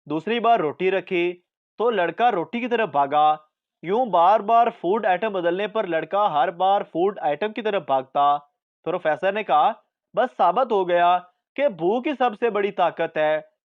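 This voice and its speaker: A man reading out a string of short jokes as the narrator, with a measured delivery of the punchlines. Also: high-pitched, highs cut off. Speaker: joke narrator.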